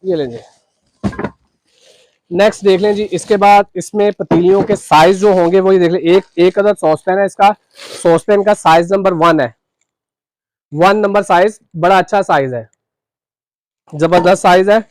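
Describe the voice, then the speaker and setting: A man's voice: high voice, steady tone, moderate pace, pauses often, no room sound. A man, a shopkeeper chatting casually through a cookware demonstration, adding "ji" to his phrases. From Pakistan. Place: shop.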